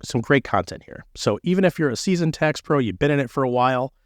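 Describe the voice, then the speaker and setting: Brief: male podcast host, playful, lively pitch, dry close recording. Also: fast talker, no echo. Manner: playful, joking. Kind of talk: casual podcast chat.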